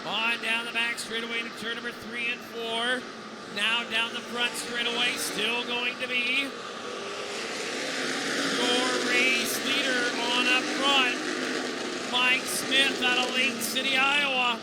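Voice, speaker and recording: A man gives live motorsport commentary as a dirt-track style race announcer. His voice sits very high and stays on a level, flat line as he runs through positions in clipped phrases. Loud race car engines roar behind him. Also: slow pace, very noisy.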